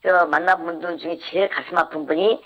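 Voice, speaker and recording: An interviewee in their fifties speaks through an electronic voice changer that disguises who they are. The speech is hesitant and halting, with many restarts. The altered voice comes through dull and lo-fi, at a middle pitch. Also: fairly even intonation. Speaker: interviewed investment fraud victim. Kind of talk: anonymous radio interview.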